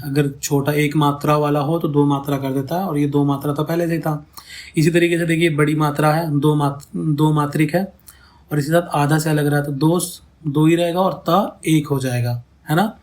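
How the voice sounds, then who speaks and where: A man teaching a lesson on counting syllables in ghazal poetry, explaining step by step and saying words over slowly to show how they sound. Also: on the high side, darkish tone. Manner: checks in often with "theek hai" and "hai na".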